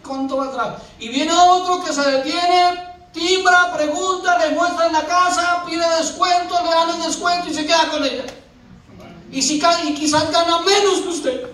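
A man's voice: very high-pitched, bright, forceful tone, slight background noise. A man preaching a sermon as pastor, telling stories and acting out little scenes in changing voices. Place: church. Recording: echoey church hall from far off.

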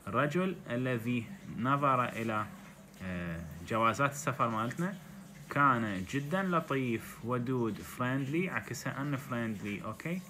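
Bright-voiced Iraqi man teaching English. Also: medium pitch, lively intonation, a little hiss or hum. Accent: Iraqi Arabic. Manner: reads English lines slowly, then translates into dialect. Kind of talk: explaining a textbook story.

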